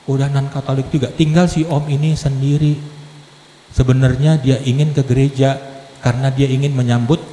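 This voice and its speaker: Male lay preacher, mellow voice, animated testimony storytelling, reverberant church hall. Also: fairly high pitch, a little hiss or hum. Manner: lively storytelling with laughs and acted quotes. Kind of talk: testimony sermon. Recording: echoey hall with long reverb.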